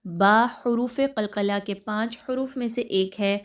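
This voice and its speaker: A woman's voice: mid-range voice, steady tone. A woman teaching tajweed, explaining pronunciation patiently and step by step. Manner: patient, explains pronunciation step by step, then recites slowly and drawn out. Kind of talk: tajweed lesson with slow recitation examples.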